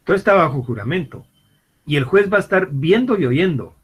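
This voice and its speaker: A law professor gives a university lecture in a classroom or online class, his slightly high voice expressive, fairly quick and a little rough on poor audio. He often repeats and restarts words, and to explain his points he acts out small everyday scenes in quoted voices.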